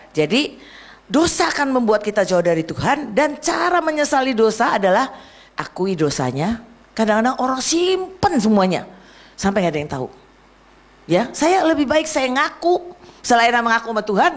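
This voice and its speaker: A woman evangelist preaching a sermon, emphatic and lively, often asking her congregation to agree, dropping to a soft voice for prayers. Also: a little high, moderate pace. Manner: acts out prayers and quoted speech in a softer voice.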